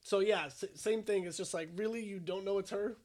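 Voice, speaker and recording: Brief: high-pitched young male podcast co-host, opinionated, swears, casual banter. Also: a little mellow. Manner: opinionated, swears freely, quick asides. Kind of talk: casual chat.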